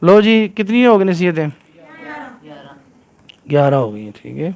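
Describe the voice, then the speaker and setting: A man's voice: sits high, very animated, creaky, darkish tone. A man giving a religious lesson to children, reciting verses in Arabic and often asking his listeners whether they follow. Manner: keeps quizzing listeners with "right?". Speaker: Islamic scholar teaching children.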